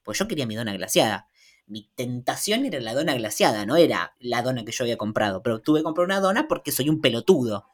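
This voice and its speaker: A woman with a Rioplatense Spanish accent, co-hosting a podcast and telling a casual anecdote in an animated, self-mocking way, acting out both sides of the dialogue. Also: extremely low pitch, quick pace. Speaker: podcast co-host.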